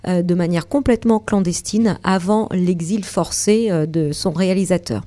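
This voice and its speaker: Low, mellow-voiced woman host. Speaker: radio show host. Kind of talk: casual radio chat with read recommendations.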